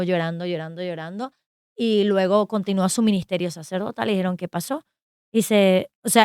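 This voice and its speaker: A woman co-hosting a casual radio talk, telling stories with lively animation and many fillers. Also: medium pitch, smooth, no room sound, studio quality. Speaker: co-host. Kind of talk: casual radio chat about a saint's life. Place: radio studio.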